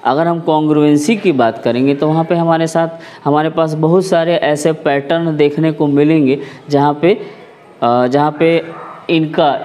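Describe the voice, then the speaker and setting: A man's voice: on the high side, a little mellow. A man teaching a math class, explaining patiently and often asking whether the students follow. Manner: explanatory, checks understanding with repeated questions.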